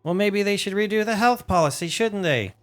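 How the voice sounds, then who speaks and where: A man's voice: sits high, lively intonation, brisk. A man doing casual gameplay commentary as a streamer, playful and theatrical, talking to himself and to his audience. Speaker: gaming streamer.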